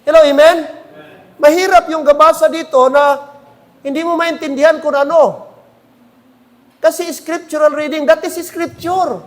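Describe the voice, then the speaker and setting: A man's voice: very high-pitched, steady tone, unhurried, long pauses. A man preaching a sermon in church, often asking the congregation "Amen?". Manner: preaching with frequent calls for "Amen?". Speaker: pastor.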